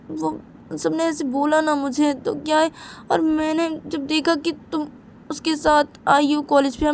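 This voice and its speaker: A woman's voice: high-pitched, vocal fry, a little hiss or hum, voice pushed up. A woman voicing an anxious young woman who pleads insistently to be believed.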